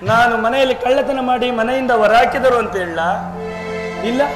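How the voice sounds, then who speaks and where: A man playing a high-voiced outcast young man. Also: fairly even intonation. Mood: sorrowful. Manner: slow, theatrical lamenting delivery. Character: grieving young man cast out by his family. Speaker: stage actor. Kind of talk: village stage drama acting. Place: outdoor village stage. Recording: live stage with music playing.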